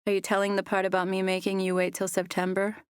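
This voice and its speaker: A woman's voice: mid-range voice, completely flat delivery, fast talker, clear, resonant tone, no room sound, studio quality, close to an everyday voice. Woman voicing a shy eager young woman.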